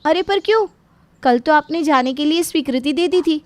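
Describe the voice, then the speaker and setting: Woman voicing an indignant young daughter-in-law in an audio story, high-pitched. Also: normal speed, darkish tone, no echo, natural voice.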